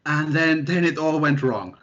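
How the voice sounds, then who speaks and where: A young man from Finland, a postdoctoral researcher telling his story in a relaxed, self-deprecating way as an interview guest. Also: on the high side, unhurried. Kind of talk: casual interview chat. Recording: dull lo-fi audio.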